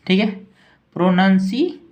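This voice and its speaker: A man hosting a language lesson, spelling words out slowly letter by letter and often checking with the listener. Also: high voice, expressive, a little mellow. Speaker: English teacher, channel host.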